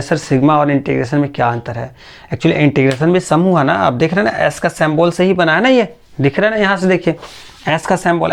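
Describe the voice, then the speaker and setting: A male physics teacher giving a patient, slow classroom lecture, often stopping to check that students follow. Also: on the high side, gravelly. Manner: speaks slowly on purpose.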